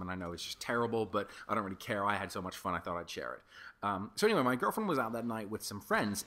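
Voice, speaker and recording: A man's voice: fairly low pitch, a bit bright. A young man casually telling a long story over gameplay, chatty and swearing freely, with lots of fillers. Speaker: gaming commentator.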